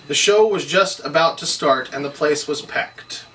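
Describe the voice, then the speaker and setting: A man narrating stage directions during a script table read speaks at a measured pace, his voice fairly high, very bright and forceful. He's captured on a distant microphone in a room with faint noise.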